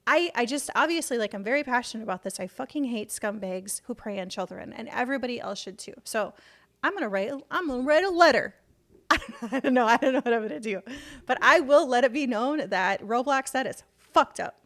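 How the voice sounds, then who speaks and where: A woman's voice: on the high side, animated, fairly quick. A woman streamer reacting to the day's news in casual chat, rambling and swearing heavily whenever she gets passionate. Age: adult parent. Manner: rambling, heavy swearing, fired-up rants.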